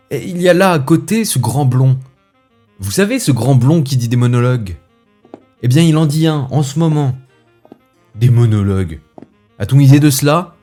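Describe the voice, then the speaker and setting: A man playing a fussy, indignant gentleman who rants with theatrical asides, as in a comic stage monologue. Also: medium pitch, pitched above the performer's own voice, lightly acted. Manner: huffy, ranting, theatrical asides.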